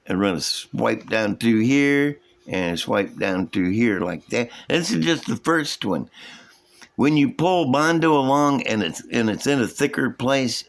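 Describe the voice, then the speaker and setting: A man with a slow, folksy drawl, casually showing and explaining his hobby projects to viewers. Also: medium pitch. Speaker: hobby model-building vlogger. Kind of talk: casual show-and-tell commentary.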